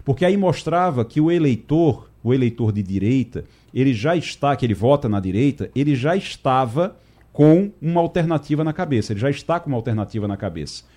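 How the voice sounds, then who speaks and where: A man's voice: mid-range voice, expressive, a little fast, dark tone. A man hosting a radio political talk show, chatting and reacting to a correspondent. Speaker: radio host.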